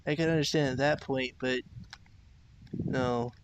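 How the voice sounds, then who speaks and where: Male co-host, relaxed and giggly, very slow delivery, faint hiss. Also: medium pitch. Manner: laughs often, relaxed. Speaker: podcast co-host. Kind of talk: casual fan discussion.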